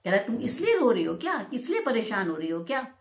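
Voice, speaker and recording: A woman teacher explaining a Hindi poem to school students, reciting the verse lines slowly and with feeling, then explaining them in plain speech. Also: a little high, very animated, roomy sound.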